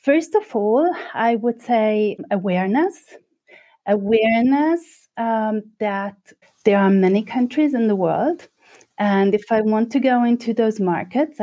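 A woman in her forties with a Hungarian accent, a guest explaining her work in a measured way with thoughtful pauses. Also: medium pitch, dark tone. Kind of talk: interview.

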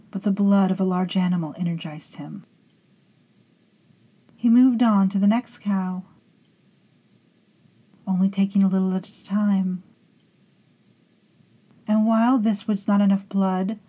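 Woman, horror storyteller, hushed and intimate, slips into whispers, mellow husky tone. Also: mid-range voice, low-quality recording. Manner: addresses listeners as beloveds. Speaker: storytelling host. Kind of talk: scripted horror storytelling narration.

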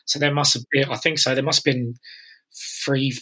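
A man's voice: medium pitch, level tone, moderate pace, bright, forceful tone. A man from the London area telling a meandering football story in casual chat, with many fillers. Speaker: podcast co-host.

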